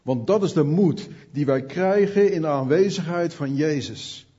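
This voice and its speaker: A man's voice: on the high side, a little slow, dark tone, breathy edge, lo-fi sound. A man preaching an earnest sermon, speaking directly to his listeners.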